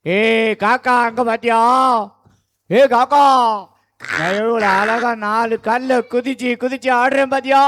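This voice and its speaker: A man's voice: very high-pitched, fairly even intonation, moderate pace, few pauses. A man voicing a boastful, playful young goat in a puppet show, bragging and giggling. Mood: gleeful. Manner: bragging, giggly, shouting with glee.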